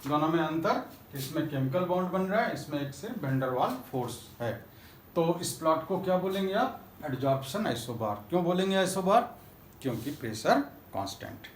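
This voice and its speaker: A man's voice: fairly high pitch, sing-song, a little fast. A man teaching a chemistry class in a Hindi-accented voice, mixing English terms into his Hindi and asking questions that he then answers himself. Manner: calls students "beta", asks and answers own questions. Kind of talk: classroom lecture. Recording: echoey classroom with faint noise.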